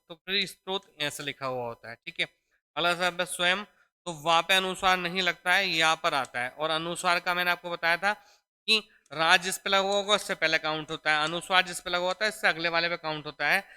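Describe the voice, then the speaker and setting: A man's voice: fairly high pitch, sharp tone, clean tone. A man teaching a spelling lesson for exam preparation. He explains step by step, repeats each word, and keeps checking in with his students. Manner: addresses students fondly as children.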